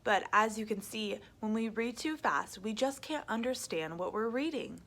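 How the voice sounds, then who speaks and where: A young woman teaching a scripted reading lesson for children, in an upbeat, clearly articulated way. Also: fairly high pitch, normal speed, fairly bright tone.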